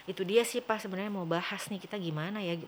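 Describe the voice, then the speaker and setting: A woman's voice: mid-range voice, fast talker, slight background noise. A woman in her forties, an interview guest, telling a personal story and acting out what people said. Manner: animated, acts out quoted dialogue.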